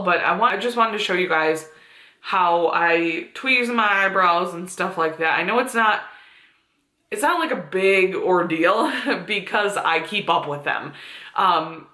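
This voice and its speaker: A young woman in her twenties talks casually to camera at home, rambling with fillers and easy laughs. Her voice is bright and forward, and the room around her rings with echo. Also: lowish voice. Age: 20s. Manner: chatty, with frequent fillers and laughs. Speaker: beauty vlogger. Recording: echoey room.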